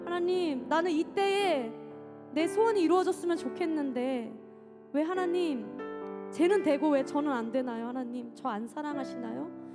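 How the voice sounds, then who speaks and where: Worship leader, woman, fervent prayer over loud worship music, very high voice. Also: normal speed. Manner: fervent, rising from soft murmured prayer to loud sung pleading. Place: church sanctuary.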